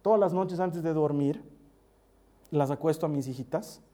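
Man preaching a sermon, dark voice. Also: a little high, moderate pace. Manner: warm storytelling with soft intimate asides.

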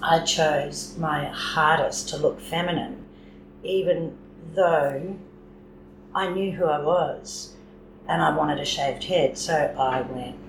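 A woman in her forties co-hosts, her voice very low for a woman, affirming and reflective. The sound is roomy, with clear background noise. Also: takes it slowly. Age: 40s. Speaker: podcast co-host. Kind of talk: supportive conversation.

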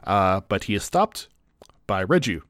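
A man's voice: lowish voice, sing-song, measured pace, fairly bright tone, no echo. A man co-hosting a casual chat, recapping a TV episode and paraphrasing the characters' lines with jokes and laughs. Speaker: podcast co-host.

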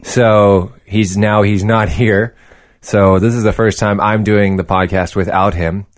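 A man's voice: fairly low pitch, steady tone, unhurried, dry recording, studio quality. A man hosting a casual podcast, chatting in a joking, teasing, sweary way. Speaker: podcast host.

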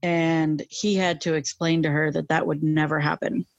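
A woman's voice: deep voice, level tone, moderate pace, no echo, lo-fi sound. A young woman with a lateral lisp, chatting casually in an interview, rambling with many fillers. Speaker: interview guest.

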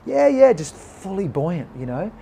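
A man's voice: high-pitched, measured pace, vocal fry, a little hiss or hum. A man, a podcast guest telling a personal story and acting out the voices of people in it. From Australia. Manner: animated, acts out quoted voices.

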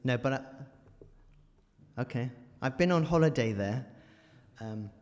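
A man's voice: medium pitch, expressive, unhurried, darkish tone. Joking man preaching in a church. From England. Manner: chatty and joking, quizzes the audience. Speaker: guest preacher. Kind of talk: church talk. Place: large church. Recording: reverberant church hall.

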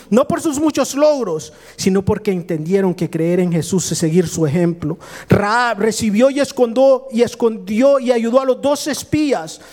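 High-voiced man preaching a sermon. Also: a little mellow. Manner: swings between rising questions and low, slow emphatic phrases; rhythmic repetition, builds in cadence.

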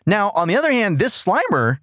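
A man's voice: high-pitched, wildly swooping pitch, fairly quick, fairly bright tone, no echo, clean studio sound. A man co-hosting a casual comedic recap chat, rambling and jokey, often correcting himself. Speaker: podcast co-host reviewing a cartoon.

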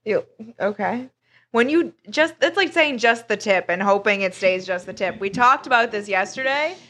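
A woman in her thirties chats on a podcast with a tipsy, giggly looseness. She swears freely and rambles through her stories, with a pitch that sits in the middle of the range. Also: expressive, moderate pace, bright, forceful tone. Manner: loose, giggly, profane storytelling. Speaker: podcast co-host. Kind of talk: casual chat.

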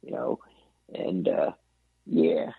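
An older man calling into a radio show, chuckling and teasing in a halting, folksy way over the phone. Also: mid-range voice, big pitch swings, gravelly, husky, dry recording. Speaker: caller. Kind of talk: phone-in chat. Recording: tinny phone line.

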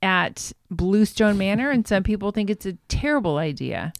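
A woman co-hosting a casual chat, easygoing and quick to laugh. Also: medium pitch, very animated, vocal fry, no echo. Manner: easygoing, chatty, laughs often. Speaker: podcast co-host.

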